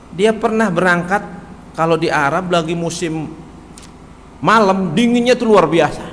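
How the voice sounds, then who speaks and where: Preacher guy telling a story at the mosque, kinda high voice, long echo. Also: a little hiss or hum. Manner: storytelling, addressing listeners as Pak. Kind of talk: mosque study sermon.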